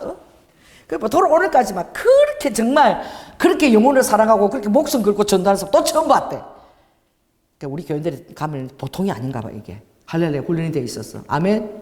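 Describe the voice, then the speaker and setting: A woman preaching from the pulpit, her voice swinging lively up and down as she tells her stories. She breaks into laughter and calls out exclamations, and the sound rings with a long reverb in a church hall. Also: mid-range voice. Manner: animated storytelling with bursts of laughter and exclamations. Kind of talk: sermon.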